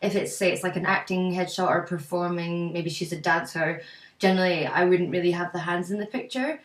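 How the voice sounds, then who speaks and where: A woman's voice: lowish voice, brisk. Hesitant woman in an echoey room. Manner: hesitant, lots of ums and likes. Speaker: co-host. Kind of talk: casual photo critique. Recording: roomy, mic at a distance.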